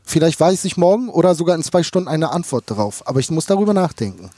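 Husky man rambling in an interview. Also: a little high, very animated, fast talker, mellow. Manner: rambling, repeats words, thinks aloud. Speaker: fish farmer. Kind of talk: casual interview talk.

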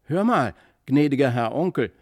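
A man's voice: medium pitch, expressive, normal speed, a little mellow, voice pushed up, natural voice. A man reading aloud, voicing a bold, cheeky little boy who talks back to his uncle.

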